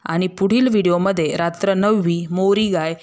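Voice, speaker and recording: A woman narrating a classic story in a steady, measured reading voice, slowing down for verse. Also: on the low side, a little hiss or hum.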